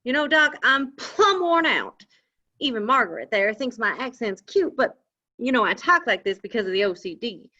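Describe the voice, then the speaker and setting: A woman's voice: a little high, very animated, normal speed, sharp tone, exaggerated voice. A woman reading the part of an anxious young man who talks in a folksy cowboy drawl, in a live script reading. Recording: dull lo-fi audio.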